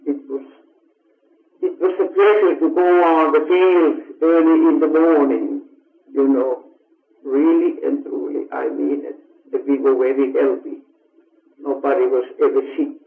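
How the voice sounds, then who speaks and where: A woman in her seventies from Finland, a native Finnish speaker, recalls her childhood in an oral history interview, speaking slowly and pausing to search for words. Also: low-pitched, fairly even intonation, creaky. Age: 70s. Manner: slow and reflective, pauses to search for words. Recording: tinny, echoey old tape recording.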